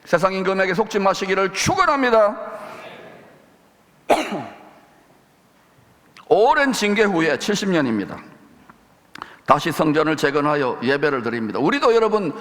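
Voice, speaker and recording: A man's voice: high voice, big pitch swings, moderate pace, long pauses, a bit bright, in a large hall. A man preaching a sermon as pastor, making emphatic declarations. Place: church sanctuary.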